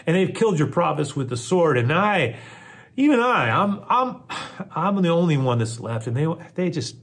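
A man acts out a prophet at the end of his rope. The voice climbs high and pushes hard, tripping over its own words as it pleads. Self-pity runs through every line. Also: sing-song, moderate pace, fairly bright tone, slightly rough, heavily acted. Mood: anguished. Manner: pleading, stammering repetitions. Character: anguished prophet man, desperate and self-pitying.

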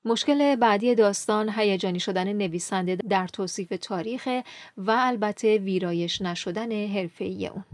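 A woman reviewing a novel and reading passages from it in a calm, measured way. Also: mid-range voice, a little hiss or hum. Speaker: book reviewer and reader. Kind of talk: book review with read-aloud excerpts.

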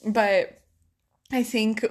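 A young woman chats on a podcast in a laid-back, self-deprecating way. Her voice sits somewhat high, and she lets her sentences trail off quietly. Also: steady tone, very slow. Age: young adult. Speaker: podcast co-host. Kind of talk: casual chat.

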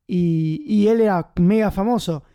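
Casting: Argentine man, casual film-review host, chatty, high mellow voice. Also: unhurried, clear, resonant tone. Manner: chatty, enthusiastic, many fillers.

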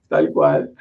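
A man hosting a casual interview, rambling with lots of restarts and fillers. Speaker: interview host. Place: home office in Florida. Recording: dull lo-fi audio.

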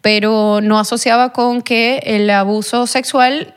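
A young woman with a Venezuelan accent and a somewhat high voice tells a personal story in an interview. Her sentences wander and restart, packed with fillers, and she slips into the voices of the people she quotes. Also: steady tone, measured pace, smooth. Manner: rambling, many fillers, acts out quoted speech. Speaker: guest.

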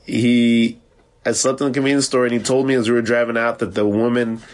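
A man's voice: mid-range voice, little pitch movement, brisk. A man from Florida chatting casually and telling anecdotes, slangy and loose with swearing, often restating his point. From Florida, United States. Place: remote call from New York City.

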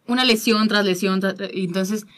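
Woman guest, heartfelt testimony, hesitant repeats, mid pitch. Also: fairly even intonation. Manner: earnest, halting, repeats words. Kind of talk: personal faith testimony.

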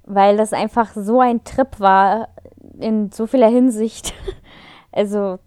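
A woman's voice: mid-range voice, steady tone, slow pace, dark tone, no room sound. A young woman tells a story in easy podcast chat, laughing often. Her microphone is overloaded, so her voice comes through fuzzy and clipped. The sound is dry and close, with no room around it. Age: young adult. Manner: chatty, storytelling, laughs easily. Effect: clipping, overdriven mic distortion. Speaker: podcast co-host. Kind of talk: casual chat. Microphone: own microphone, too close or too hot.

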